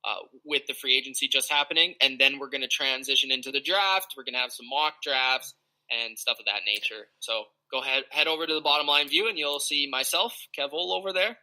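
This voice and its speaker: Male podcast guest, very bright sharp tone, easygoing and agreeable, casual chat. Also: medium pitch, brisk, rough recording.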